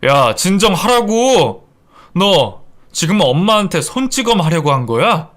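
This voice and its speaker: A man's voice: high voice, very animated, moderate pace, a bit bright, voice pushed up. A man voicing an exasperated grown son and husband in a radio drama, pleading and scolding in turn. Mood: alarmed. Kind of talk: Korean radio drama acting.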